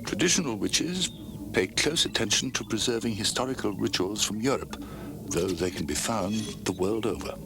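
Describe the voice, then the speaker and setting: Low-voiced male narrator, old VHS tape. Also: expressive. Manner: dramatic, slow ominous pauses. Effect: old VHS tape sound. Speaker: documentary narrator. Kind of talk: scripted narration. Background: music.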